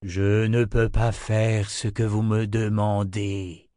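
A man voicing a stubborn creature of liquid silver that speaks slowly and flatly. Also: on the low side, no echo, clean studio sound. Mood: impassive. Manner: slow, measured, flat.

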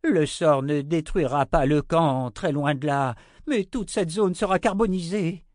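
A man voicing a cranky, fussy old male wizard who shouts and frets in an audiobook. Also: measured pace, no echo, studio quality, close to an everyday voice. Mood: urgent. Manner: shouting, high-pitched, exasperated.

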